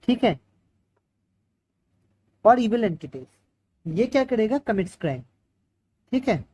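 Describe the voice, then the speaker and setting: Indian-accented woman lecturer, warm voice, walks through points step by step, light noise on the recording. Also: on the high side, sing-song, takes it slowly, poor audio. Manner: explains step by step, asks and answers her own questions. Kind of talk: Hinglish classroom lecture.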